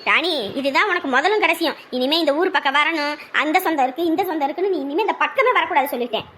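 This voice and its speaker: A woman scolds sharply and indignantly, her pitch very high. Her talk is loud and rapid-fire in a village family quarrel. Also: slight background noise. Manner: lamenting then fiercely scolding. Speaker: wife of the brother, sister-in-law of the bride's side. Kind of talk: rural family drama acting.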